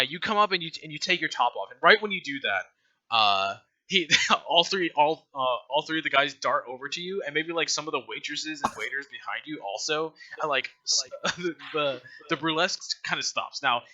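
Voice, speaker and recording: A man's voice: on the high side, pushed and bright, muffled recording. A man narrating as game master in a tabletop game, loose and rambling, often breaking into laughter.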